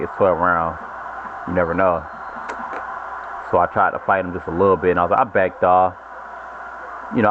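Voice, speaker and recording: Casual gamer host, low-pitched man, rambling self-correcting delivery, tinny narrow-band audio. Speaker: gaming channel host. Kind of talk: casual gameplay commentary. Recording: lo-fi phone-like audio with noise.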